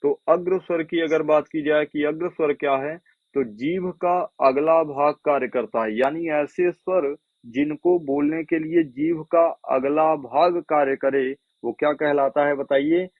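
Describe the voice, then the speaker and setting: A man's voice: on the high side, animated, a little slow, vocal fry, no room sound. Male coaching teacher, call-and-answer drilling, phone-like dry recording. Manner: drills with repeated questions and answers. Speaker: Hindi teacher. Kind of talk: exam coaching lecture. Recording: tinny phone-like dry sound.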